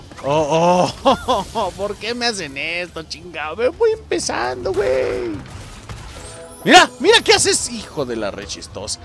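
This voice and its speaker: A young Mexican man narrates his own gameplay, and his fairly high voice swings all over the place as he yelps and curses at each mistake. Game music plays faintly behind him. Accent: Mexican Spanish. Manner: excitable, swears and yelps at mistakes, talks to viewers. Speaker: gameplay streamer. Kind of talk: casual let's-play commentary.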